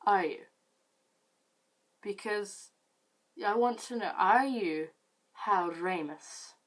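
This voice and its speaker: A woman acting out her drunk younger self: slow, emphatic and insistent, repeating herself. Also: medium pitch.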